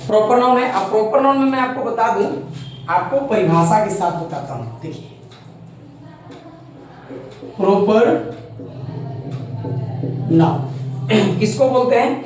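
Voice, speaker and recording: A man's voice: sits high, lively intonation, unhurried, pauses often, a little mellow. A male teacher gives a classroom grammar lesson at a board, repeating terms, spelling them out letter by letter and quizzing his students. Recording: very echoey room, faint background noise.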